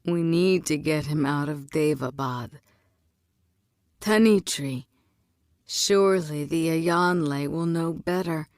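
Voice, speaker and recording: A blunt young prince who presses his case with urgent insistence, as a woman reader puts him on. He is voiced in a low register, and the sound is dry and close. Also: slow pace, long pauses, darkish tone, no room sound. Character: young adult prince, worried elder brother, blunt.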